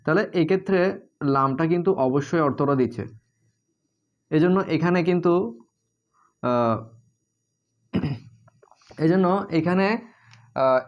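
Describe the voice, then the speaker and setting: Fairly high-voiced man teaching at a board. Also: muffled recording. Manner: explains step by step, many "ah" fillers and checking questions. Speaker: Arabic teacher. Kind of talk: casual whiteboard lesson.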